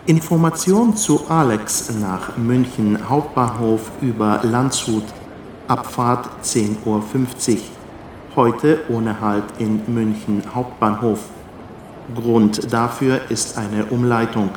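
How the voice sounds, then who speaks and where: A man making formal train station announcements, measured and clearly articulated. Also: mid-range voice, echoey room, noisy background. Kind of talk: public address announcements.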